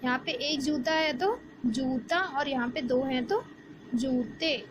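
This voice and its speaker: A woman, teaching a Hindi lesson to young children and asking the class questions as she explains slowly. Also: sits high. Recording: background noise.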